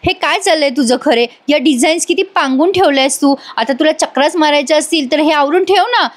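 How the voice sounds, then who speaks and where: A woman's voice: sits high, brisk, voice pushed up, close to an everyday voice. A woman voicing an irritable young boss. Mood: angry scolding. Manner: scolding, argumentative. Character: irritable young man, strict company boss.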